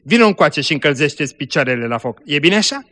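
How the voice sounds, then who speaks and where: A man voicing a gruff but kind-hearted street merchant who speaks sternly. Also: fairly high pitch, very animated. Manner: stern, pressing, then gentler.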